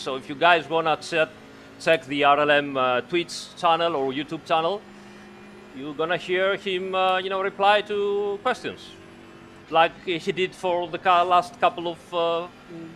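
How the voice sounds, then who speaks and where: A man's voice: a little high, fairly even intonation, moderate pace, a bit bright. A man chatting casually as he drives in a sim race. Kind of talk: casual chat while racing. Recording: faint engine noise. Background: racing car sounds.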